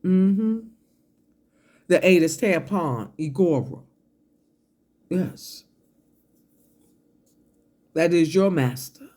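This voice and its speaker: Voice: mid-range voice, animated, very slow, pauses often, a little mellow. A person delivering a confrontational, profane online rant, drawing words out emphatically one at a time. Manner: sipping a drink between phrases, coughing and clearing throat.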